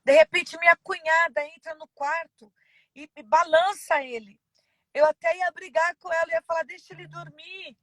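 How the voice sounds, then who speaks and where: A woman pastor giving a personal testimony in an interview, halting and emotional with many pauses and fillers. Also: very high voice, steady tone, no room sound, low-quality recording.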